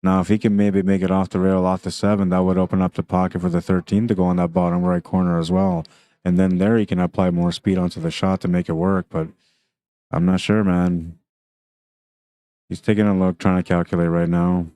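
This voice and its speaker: Male livestream pool commentator: low, even delivery, talks through shots casually. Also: a little fast, clean tone, no room sound. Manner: chatty, thinks aloud about shots.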